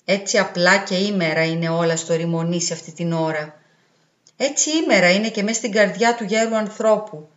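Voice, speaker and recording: A woman reading a literary story aloud in a calm, measured way. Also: medium pitch. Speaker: audiobook reader. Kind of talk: literary narration. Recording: roomy, dull, with faint music.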